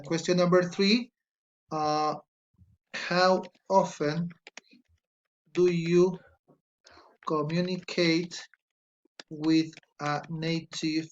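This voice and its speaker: Teaching English online, this native Spanish speaker from Ecuador reads his students' answers out loud and patiently, slowly corrects their grammar and spelling aloud. He has an Ecuadorian Spanish accent and a slightly high voice, captured in dull audio with a little hiss or hum.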